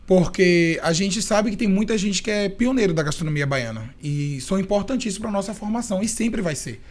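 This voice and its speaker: A young man from Recife, a chef and podcast guest, telling his story in a playful, expressive and talkative way. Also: high voice, a little fast. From Recife, Brazil. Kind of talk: casual interview storytelling.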